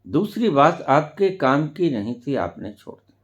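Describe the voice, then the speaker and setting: A man giving a spiritual discourse as a teacher, speaking deliberately with sudden loud emphatic rises. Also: a little high, big pitch swings. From India.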